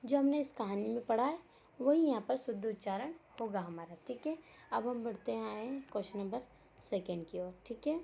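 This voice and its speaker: In dull, lo-fi audio with faint noise, a woman teacher patiently runs an online class for young children, repeating words and quizzing the class. Her voice is a little high, gravelly and dark, with lively intonation at a moderate pace.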